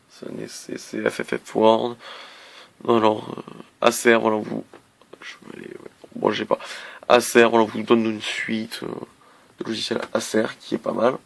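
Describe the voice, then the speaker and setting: Male tech reviewer, gravelly, casual and hesitant delivery with frequent restarts. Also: fairly low pitch. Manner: hesitant, many fillers and restarts.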